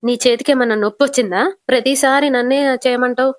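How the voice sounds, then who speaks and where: A woman's voice: sits high, fairly even intonation, brisk, dry recording, studio quality, close to an everyday voice. A woman voicing a fretful middle-aged mother caught scheming, talking in an anxious, pleading way.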